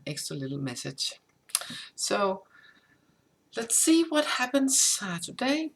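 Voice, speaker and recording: Her first language Danish, this tarot reader delivers an off-the-cuff update in a fairly low, creaky voice. She hesitates and restarts often as she improvises.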